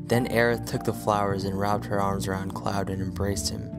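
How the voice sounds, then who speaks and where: A man narrating a fan audio drama as a storybook reading in a steady, even manner. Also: on the low side, moderate pace. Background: faint music.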